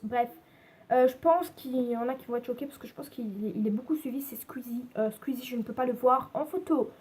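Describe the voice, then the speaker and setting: A young woman from France chatting casually on her home vlog, answering tag questions with many pauses and fillers. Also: a little high, a little mellow, husky. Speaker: vlogger. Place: home bedroom with neighbour noise.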